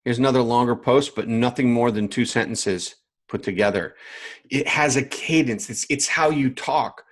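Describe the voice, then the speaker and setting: A man's voice: medium pitch, normal speed. A man who coaches other coaches, teaching live online from a screen share, with emphatic repetition and frequent check-ins with viewers. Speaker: business coach.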